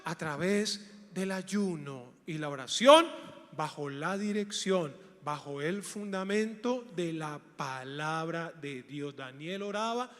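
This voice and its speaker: A pastor preaching a sermon, swinging from hushed lines to loud rhetorical questions. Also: male voice, fairly high pitch, animated, slow. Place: large church hall. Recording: echoey church hall.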